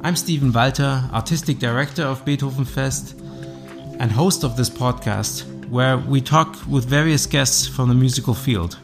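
Podcast host reading an intro over music. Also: male voice, medium pitch, normal speed. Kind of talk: scripted introduction.

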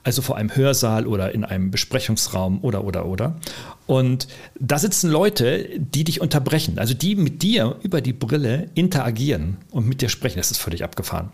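A man co-hosting a podcast, talking casually in an animated, rambling way with many fillers and restarts. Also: mid-range voice, a little fast, creaky, slightly rough. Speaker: podcast co-host, lecturer. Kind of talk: casual conversational podcast talk.

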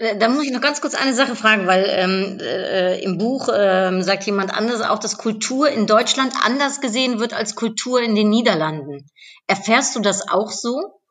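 A woman's voice: medium pitch, normal speed, fairly bright tone. A woman interviewing a guest in an informal, chatty style as host. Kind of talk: casual chat interview.

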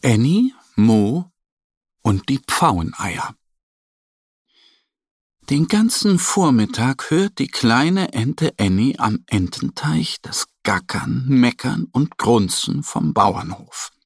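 A man narrating a children's story in a calm, gentle storytelling manner. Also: medium pitch, slow pace, breathy edge, dry recording, studio quality.

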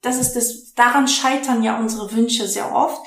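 A woman chats as an interview guest, her pitch sitting a little high. She tells her stories in an animated, excitable way. The recording has a roomy echo. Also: normal speed. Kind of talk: casual interview chat. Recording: echoey room.

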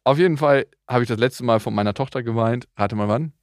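A man's voice: mid-range voice, fast, dry recording, studio quality. A man in his thirties co-hosting a casual chat, teasing and sarcastic, laughing often. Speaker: podcast co-host.

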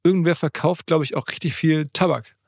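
A man hosting a podcast, asking questions in a quick, chatty way and laughing often. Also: on the high side, creaky, no echo, clean studio sound. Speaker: podcast host. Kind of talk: casual interview chat.

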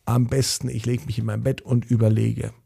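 A man's voice: mid-range voice, flat delivery, moderate pace, gravelly, mellow, slightly rough, no echo, clean studio sound. A man voicing a puzzled young boy in a bedtime story, eager and full of questions. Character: puzzled young boy searching for a lost word.

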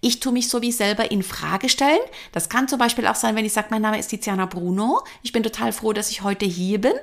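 A woman putting on an insecure, high and pressed little-girl voice that rises at the end of every sentence. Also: brisk, lightly acted. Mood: unsure. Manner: uptalk, questioning herself.

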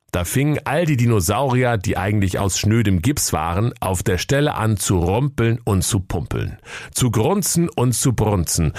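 A man's voice: on the low side, darkish tone, no echo, clean studio sound. A man with a Schleswig-Holstein accent, narrating a comic fairy tale in a playful storybook tone.

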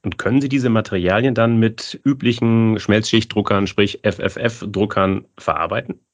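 Low-voiced male podcast host. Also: moderate pace, muffled recording. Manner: smooth, scripted moderation. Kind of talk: podcast interview.

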